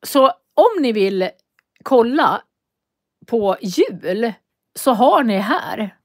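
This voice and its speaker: A woman teaching Swedish in a live online lesson, speaking slowly and clearly and repeating phrases for learners to copy. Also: a little high, big pitch swings. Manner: walks viewers through web links on screen.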